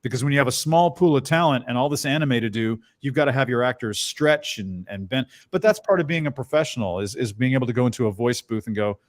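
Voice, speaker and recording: As an interview guest, this middle-aged man with a bass-baritone voice chats easily about his work as a voice actor. His tales are lively, punctuated by quick character voices.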